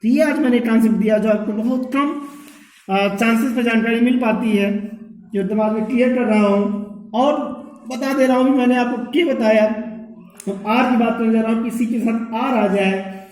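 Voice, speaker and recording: A man's voice: very high-pitched, steady tone, moderate pace, darkish tone. Echoey male English teacher, spelling out words. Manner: spells words letter by letter, keeps saying "ठीक है". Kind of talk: pronunciation lesson.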